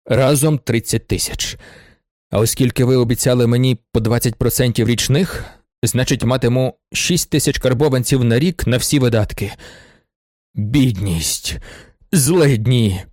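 A man's voice: medium pitch, a little slow, dry recording, clean studio sound, close to an everyday voice. A man voicing an agitated aging aristocrat who is theatrical and easily worked up in a storybook reading. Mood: indignant. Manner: excitable and theatrical, swinging between indignation and gushing gratitude. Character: agitated aging male aristocrat, proud and pitying himself.

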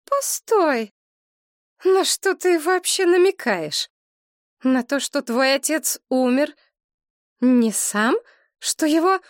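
Give me a woman doing a shrill, pleading widowed mother. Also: sing-song, normal speed, no echo, studio quality. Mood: agitated. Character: anxious, easily upset widowed mother. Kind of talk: audiobook character reading.

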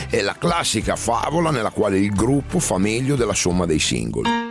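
A male host narrates sport stories in an animated, emphatic way. His voice sits fairly low and moves widely in pitch, with music playing underneath. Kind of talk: conversational radio storytelling about football.

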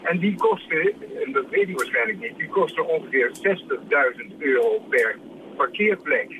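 A man's voice: fairly high pitch, sing-song, moderate pace, noisy background. A man calling in to a radio show over a phone line, explaining things step by step in a matter-of-fact way. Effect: heard over a phone line. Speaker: caller.

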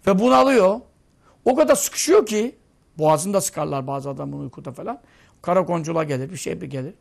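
A man delivers a sermon in a high voice with a gravelly edge, mixing vivid stories with a run of rhetorical questions. His tone is earnest and lively as he presses each point on his listeners. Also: a little fast. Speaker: preacher.

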